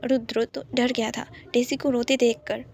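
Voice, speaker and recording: A woman narrating a romance story in a calm, soft-spoken way. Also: a little high, normal speed, vocal fry, a little hiss or hum.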